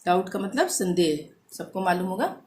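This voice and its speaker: A woman teaching a pronunciation lesson, patiently spelling out words letter by letter and repeating each one slowly. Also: on the low side, very animated, a little mellow, slight background noise. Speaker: language teacher.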